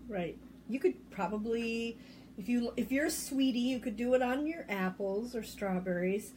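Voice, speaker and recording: A woman's voice: on the high side, normal speed, darkish tone, slight background noise. A woman co-hosting a casual kitchen demonstration, chatty and explaining as she goes, with frequent ums. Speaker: co-host of a demo show. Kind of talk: casual chat while demonstrating recipes.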